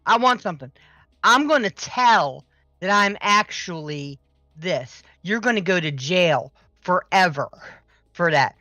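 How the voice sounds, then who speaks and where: A woman's voice: on the low side, lively intonation, unhurried, pushed and bright, dry recording, faint music behind. A woman in casual conversation, speaking hesitantly with many "you know"s. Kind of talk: casual chat.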